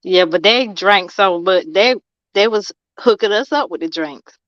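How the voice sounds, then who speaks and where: A woman's voice: medium pitch, unhurried, fairly bright tone, dry recording. A woman in a casual chat, speaking informally and colloquially as she chimes in. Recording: dull lo-fi sound.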